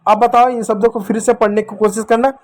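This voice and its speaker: Man slowly sounding out letters for children. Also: high-pitched, little pitch movement. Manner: drawn-out syllable-by-syllable sounding out; coaxing, addresses dear children, asks them to repeat. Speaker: teacher. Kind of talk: children's reading lesson.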